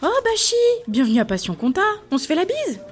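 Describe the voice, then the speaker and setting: A woman's voice: high-pitched, wildly swooping pitch. A woman playing a gushing, bossy editor-in-chief who chatters cheerfully. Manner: gushing, fast and sing-song. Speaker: gossip section editor.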